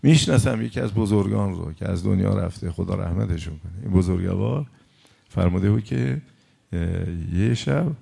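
A man preaching a sermon, passionate, moving between loud outbursts and hushed storytelling. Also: lowish voice, creaky, slightly rough.

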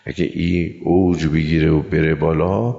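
Deep, gravelly older preacher in a reverberant hall. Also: male voice, flat delivery, mellow. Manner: folksy storyteller who acts out the voices in his tales. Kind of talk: colloquial sermon with storytelling. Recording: dull lo-fi sound with long hall reverb.

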